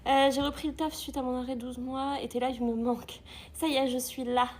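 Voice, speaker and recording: A woman's voice: sits high, flat delivery, a little fast. A woman hosting a live cooking stream from an agency kitchen, chatting with viewers, greeting them often and reading their comments aloud.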